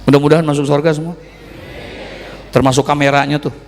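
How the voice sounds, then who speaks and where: A high-voiced man preaches a sermon. He is a lively storyteller who rises into loud sung calls and then drops to quiet asides. The hall around him rings with a long reverb. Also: a little fast. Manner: folksy Jakarta colloquial speech. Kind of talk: Islamic sermon.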